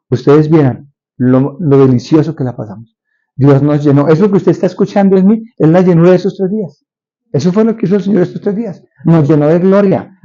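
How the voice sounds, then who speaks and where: A man's voice: on the high side, warm tone, muffled recording. A man who is a pastor, preaching a sermon and questioning his congregation.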